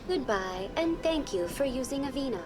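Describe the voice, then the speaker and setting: A too-smooth android guide speaks in a calm, measured way, like an information kiosk. Her voice sits a little high and never wavers. Game music plays clearly behind her. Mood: even. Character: polite female virtual guide program, smooth and even. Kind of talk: video game voice acting.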